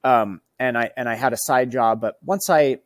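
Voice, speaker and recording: A relaxed man in his thirties, from Norway, tells his story as an interview guest. He speaks at a middling pitch, pausing on fillers and restarting phrases as he goes. The sound is dry and close to the mic. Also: dry recording. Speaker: bison rancher, guest. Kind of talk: casual interview talk.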